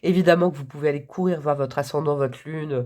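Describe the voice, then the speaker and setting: Woman, hoarse voice, tarot reader, casual chat to viewers, enthusiastic, laughs often. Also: deep voice, fast talker, dark tone.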